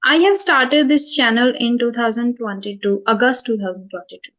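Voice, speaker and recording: Speaking at a moderate pace, this spoken English channel host has a slightly high, fairly bright voice and an Indian English accent. She's in her twenties, and her thoughtful answers to interview questions about her channel are full of fillers and self-corrections.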